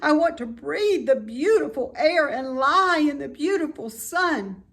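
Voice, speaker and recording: A woman's voice: sits high, lively intonation, unhurried, a bit bright, voice pushed up, exaggerated voice. A woman voicing a frightened young male pig who screams and sobs. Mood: tearful. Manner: screaming and sobbing.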